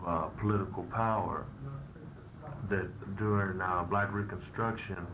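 A young man giving an earnest political statement in an interview on old worn tape. He speaks haltingly, with many fillers. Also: low voice. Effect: old worn archival tape. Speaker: political party leader being interviewed. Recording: hissy old tape recording.

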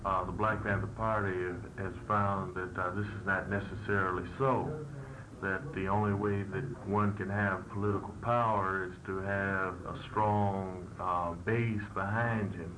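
Young guy, deep voice, old worn tape hiss, lots of uh's, earnest. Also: fairly even intonation. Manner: halting, with many "uh" fillers. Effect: old worn archival tape. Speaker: political party leader being interviewed. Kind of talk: earnest political statement. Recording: hissy old tape recording.

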